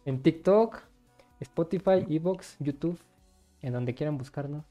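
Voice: medium pitch, unhurried, dark tone. A Mexican podcast host chatting casually and crudely, joking with plenty of slang and swearing. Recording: music behind the voice. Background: music.

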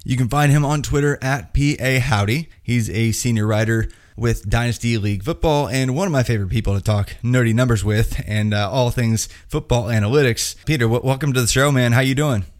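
An American man hosts a sports podcast in a conversational style. His voice sits at an average pitch for a man, and he talks as someone chatting with a guest. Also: fairly quick, hardly any pauses. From Indiana, United States. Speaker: podcast host.

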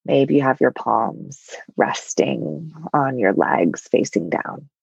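A woman guiding a meditation in a soft, soothing voice with long pauses, at times breathy and close to a whisper. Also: very deep voice, animated, dry recording, highs cut off. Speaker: meditation guide. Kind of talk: guided meditation.

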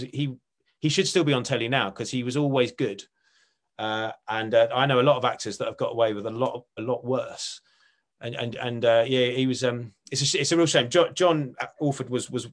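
A middle-aged man with an Essex accent, reminiscing casually as an actor in an interview, rambling and often correcting himself. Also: medium pitch. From Essex, England. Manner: chatty, rambling, self-correcting. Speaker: actor and writer being interviewed.

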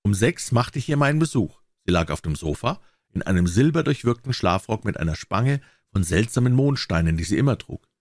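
Low, expressive male audiobook narrator. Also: a little fast, no echo, clean studio sound. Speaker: audiobook reader. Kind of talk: scripted narration of a classic story.

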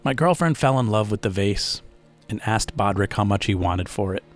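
Low-voiced man telling a story. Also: expressive, normal speed, faint music behind. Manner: casual, conversational storytelling with asides to the listener. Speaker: podcast host and narrator. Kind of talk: first-person paranormal story narration.

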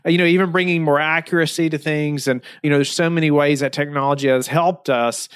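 A man's voice: a little high, steady tone, quick pace, clean tone. A man hosting a podcast interview, talking casually with many fillers. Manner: friendly, filler-heavy talk with many "you know"s. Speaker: host.

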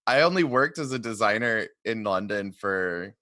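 A man's voice: lowish voice, animated, normal speed, sharp tone, dry recording, studio quality. A man, chatting casually as he interviews a guest. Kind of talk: casual chat.

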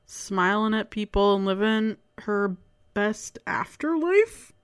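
A woman with a Canadian accent and a clear, smooth voice, co-hosting a podcast and telling local ghost lore in a conversational way. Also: medium pitch, expressive, slow. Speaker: podcast co-host.

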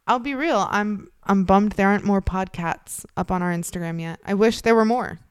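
An American woman with vocal fry, chatting casually and jokily as a podcast co-host, animated and sweary. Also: mid-range voice, moderate pace, dry recording, clean studio sound. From United States, Chicago area. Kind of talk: casual, joking true-crime podcast chat.

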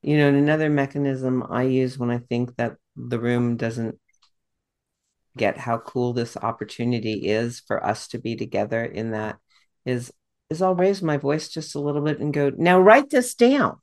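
A middle-aged woman hosting a podcast interview, animated and fond of acting out the people she quotes. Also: a bass voice, moderate pace, dry recording, studio quality. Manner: animated, acts out quoted voices. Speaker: podcast host.

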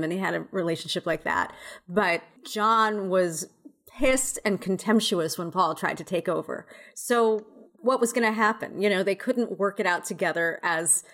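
A woman's voice: fairly low pitch, normal speed, fairly bright tone. A woman co-hosting a podcast, weighing in on the discussion in a thoughtful but blunt, casual way. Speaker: podcast co-host.

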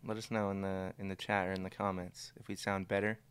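A man's voice: sits low, little pitch movement, quick pace, a bit bright, clear, resonant tone. A young man co-hosting a casual podcast with his stepdad, easygoing and full of questions. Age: young adult. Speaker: podcast co-host, stepson. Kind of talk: casual chat.

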